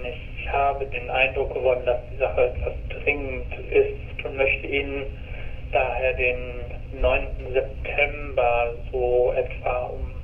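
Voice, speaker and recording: Man on a tinny phone line leaving a voicemail, flat and unhurried, formal and polite. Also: medium pitch, a little hiss or hum. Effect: voicemail message over a phone line.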